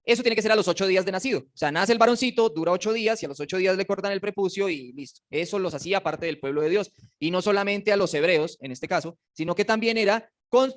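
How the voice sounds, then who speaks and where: Man, quick high voice, teaching a Bible class in a classroom, joking, quizzing students. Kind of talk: casual Bible lesson to a class. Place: classroom with slides.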